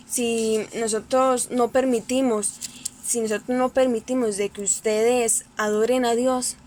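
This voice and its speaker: Slow, fairly high-voiced woman teaching children. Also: slight background noise. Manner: slow, repetitive storytelling aimed at children. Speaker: Sunday school teacher. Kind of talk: children's Bible lesson. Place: at home.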